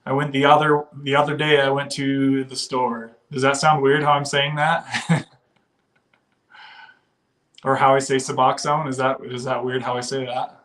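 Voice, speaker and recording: A man from the western United States hosts a casual livestream, chatting loosely, laughing often and reading viewer comments aloud. His voice sits at medium pitch with little pitch movement, and he speaks unhurriedly in a slightly bright tone.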